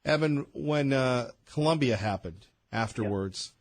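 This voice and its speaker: A man's voice: medium pitch, measured pace, no echo. Conversational man hosting talk radio. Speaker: radio talk show host. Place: radio studio. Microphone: studio mic.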